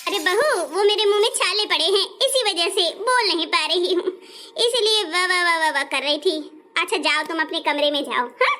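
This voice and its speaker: A woman playing a loud, scolding older mother-in-law in a comic family skit. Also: extremely high pitch, normal speed, a little hiss or hum. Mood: boastful. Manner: scolding, shouting, insulting.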